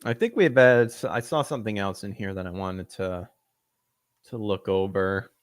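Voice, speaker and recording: A man's voice: low voice, moderate pace, no echo. Sarcastic man hosting a podcast. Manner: sarcastic, laughs at his own jokes, stumbles over words. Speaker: podcast host. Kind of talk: casual commentary reading news aloud.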